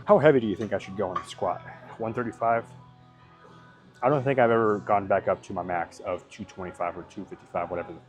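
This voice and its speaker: Guy with a lowish voice chatting thru his leg day at home, rambly, faint music behind. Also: fast. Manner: rambling, thinks aloud, hedges and swears casually. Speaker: fitness vlogger. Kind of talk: casual workout commentary.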